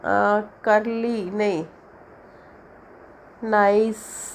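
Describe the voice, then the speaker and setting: A woman teaching an English syllabus lesson in Hindi, explaining slowly and stretching out the example words. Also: medium pitch, steady tone, slight background noise.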